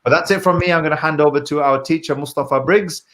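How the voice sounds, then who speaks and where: Host, male, fast-talking, brisk handover to the guest speaker. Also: fairly high pitch, a bit bright. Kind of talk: host introduction.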